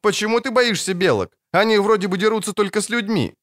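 A man's voice: sits high, fast, a bit bright, pitched above the performer's own voice. A man voicing a cheeky young girl in an audiobook, pert and teasing. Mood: curious. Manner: pert, sing-song teasing. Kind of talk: audiobook character voice.

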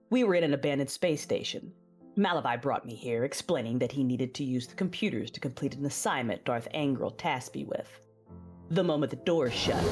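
In an audio drama, a woman with a bass voice plays a proud, passionate Sith lady, commanding and wounded by betrayal, narrating in the first person as both narrator and lead. Her delivery is intense and deliberate, the mood tense, with music playing under her voice.

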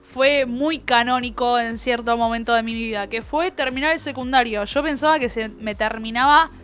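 A young woman with an Argentine Spanish accent, co-hosting a casual chat in a lively, emphatic way. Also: a little high, normal speed. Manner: lively, emphatic, eager to agree. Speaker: podcast co-host.

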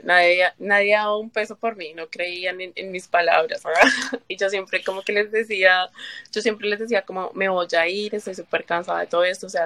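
A woman from Colombia tells her personal story as an interview guest, her voice slightly low. She talks in halting runs, restarts often, and acts out what others said to her. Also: fairly bright tone, no echo. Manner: halting, with fillers and restarts, quotes herself and others. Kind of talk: emotional personal testimony.

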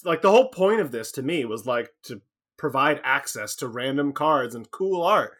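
A man co-hosting a podcast in casual chat, animated and laughing often. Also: medium pitch, normal speed. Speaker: podcast co-host.

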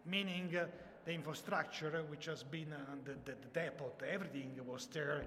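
A man's voice: a little high, steady tone, moderate pace, bright, forceful tone. A man with an Italian accent, a native Italian speaker, giving an informal talk to an audience, telling a story hesitantly and repeating words as he goes. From Italy. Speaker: conference speaker, software founder. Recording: echoey hall with background noise.

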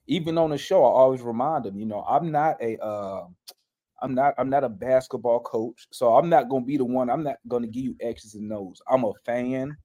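A man's voice: mid-range voice, a little fast, mellow. A man talking casually as a podcast guest, colloquial and emphatic, often repeating himself for effect. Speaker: podcast guest, fan show host. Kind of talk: casual chat.

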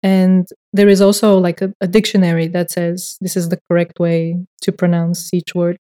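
With a lowish, flat, mellow voice at a moderate pace, a young Bulgarian-accented woman speaks English as a second language. She is a director of records and research chatting in a podcast interview, her words hesitant and considered, with little laughs here and there.

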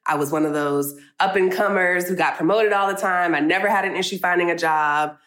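A low-voiced woman in her thirties speaks candidly and laughs at herself. Her voice has a deep pitch for a woman, and the recording carries a noticeable room echo. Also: brisk, a bit bright. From Atlanta, born in Texas. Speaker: guest. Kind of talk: casual podcast conversation.

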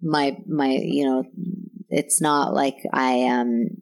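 Woman guest on a podcast, low register, loose casual talk with ums and quick laughs. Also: fairly even intonation. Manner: laughs easily, trails off with ums and restarts. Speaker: actor and comedian guest. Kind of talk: casual chat. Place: indoor podcast studio.

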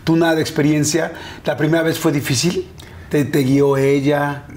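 A man interviewing a guest, asking quick follow-up questions. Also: on the high side, fairly even intonation, a little mellow, a little hiss or hum. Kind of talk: casual interview chat.

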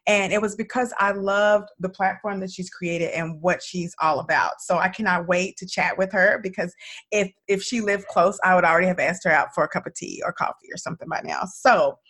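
A woman hosting a podcast in casual chat. She sounds hoarse from allergies and talks in an effusive, emphatic way. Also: fairly low pitch, brisk, a bit bright. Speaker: podcast host.

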